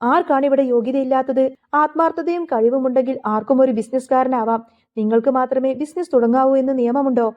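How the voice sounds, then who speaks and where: A woman's voice: high-pitched, fairly even intonation, brisk, phone-quality sound, close to an everyday voice. A woman voicing a loyal, outspoken young wife who speaks firmly.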